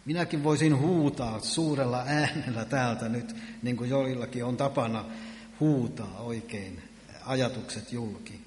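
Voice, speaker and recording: A man preaching a sermon in earnest, with emphatic rises on key words. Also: medium pitch. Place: church hall. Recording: echoey church hall.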